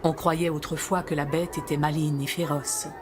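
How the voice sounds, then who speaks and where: A woman's voice: deep voice, little pitch movement, moderate pace, background noise. A woman reading scripted nature documentary narration. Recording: music behind the voice. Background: background music.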